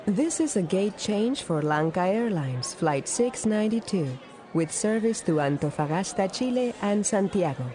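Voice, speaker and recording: Woman acting as mellow airport announcement voice. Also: medium pitch, animated, lightly acted. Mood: formal, composed. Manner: formal, measured, scripted delivery. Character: female airline gate announcer, formal and composed.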